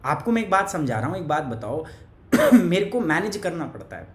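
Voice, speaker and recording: Very animated and fairly high-voiced, a man teaches a live online class at normal speed, joking with viewers by name in a chatty way. He's coughing, and the recording is echoey.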